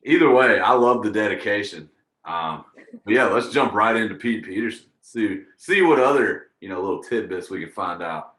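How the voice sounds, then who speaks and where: A man's voice: fairly low pitch, animated, moderate pace, a bit bright, roomy sound, rough recording. A man hosting an interview show, upbeat and leading the talk on to the next segment. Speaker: podcast host. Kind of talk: casual chat.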